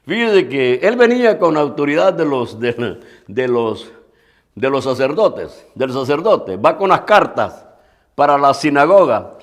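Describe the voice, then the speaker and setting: A male pastor preaching a sermon, speaking earnestly and directly to the congregation, repeating phrases and restarting lines as he goes. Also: fairly high pitch.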